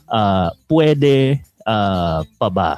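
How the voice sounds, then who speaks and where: A man's voice: on the low side, very animated, very slow, a little mellow, no echo. A male host in a casual interview, chatty and laughing often as he reads out viewer questions.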